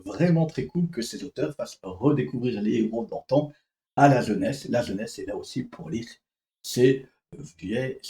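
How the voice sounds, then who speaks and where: A man's voice: medium pitch, dark tone, reverberant, rough recording. A man casually telling a story for his vlog, rambling with many fillers and restarts. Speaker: comics vlogger.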